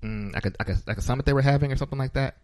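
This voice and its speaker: A male podcast host riffing casually into a close, dry mic. He jokes constantly, chuckles between lines and rambles through fillers, with a medium voice that sounds relaxed and at ease. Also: mid-range voice, rapid-fire, no room sound. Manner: jokey, laughs often, loose filler-heavy talk. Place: small podcast studio.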